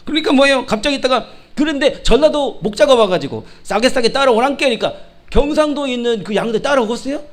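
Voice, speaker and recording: A man's voice: very high-pitched, animated, fast. A man preaching a sermon to a congregation, asking them rhetorical questions and now and then mimicking regional dialects for humor. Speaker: pastor.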